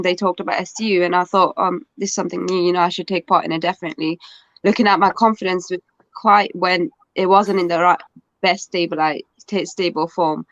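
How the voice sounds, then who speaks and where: A man's voice: high-pitched, fairly bright tone, no room sound. A man speaks earnestly about his experience, leaning on "you know" as he goes. The sound is dry and slightly muffled, with no room to it. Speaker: student interfaith officer. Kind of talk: casual online panel chat.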